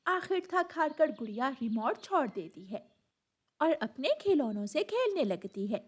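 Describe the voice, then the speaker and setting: A woman narrates a children's cartoon story in a clear, expressive way. Her voice is high and lively, rising and falling as she tells the story. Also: unhurried.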